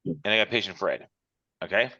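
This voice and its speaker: Bright-voiced man teaching over a conference call. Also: low-pitched, fairly quick, dry recording. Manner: walks through examples step by step. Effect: heard over a conference call. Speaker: instructor. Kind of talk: online class lecture. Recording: muffled, dry call audio.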